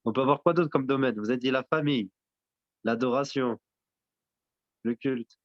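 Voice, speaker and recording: A man's voice: medium pitch, normal speed, dry recording. Man quizzing a class, lo-fi. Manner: quizzes the class, repeats and affirms answers; mixes in Arabic religious terms. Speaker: teacher. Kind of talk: interactive classroom lesson.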